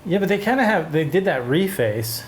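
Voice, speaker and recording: A man hosting a casual chat about synthesizers, relaxed and rambling with fillers and restarts. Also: on the high side, normal speed, slight background noise. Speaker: host of a synthesizer show.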